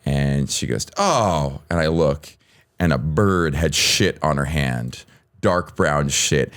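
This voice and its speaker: A man with a very deep voice chats on a podcast, telling a story about himself in a wry, self-mocking way. He speaks in a loose, conversational manner and often laughs at his own mishaps. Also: animated, slow, fairly bright tone. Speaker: podcast co-host, comic. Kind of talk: casual chat, storytelling.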